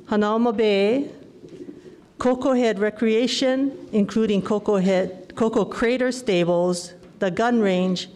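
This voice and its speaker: A woman moderator lays out the forum rules and reads each question aloud in a formal, orderly manner. Her voice is mid-pitched, with faint noise behind it. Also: a little mellow. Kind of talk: formal procedural reading. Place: indoor community meeting room.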